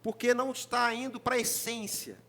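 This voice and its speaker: A man preaching a sermon as pastor in a church, with a Rio de Janeiro Brazilian Portuguese accent, talking in an animated, joking way and often asking the congregation questions. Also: very high-pitched, normal speed, creaky. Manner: animated, jokey, mimics congregants, often asks the crowd. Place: church hall.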